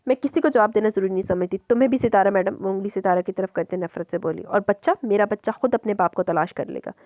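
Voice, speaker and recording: A woman's voice: mid-range voice, quick pace, darkish tone, no echo, lightly acted. A woman voicing a defiant, wronged young woman in an audiobook novel, speaking with fierce indignation.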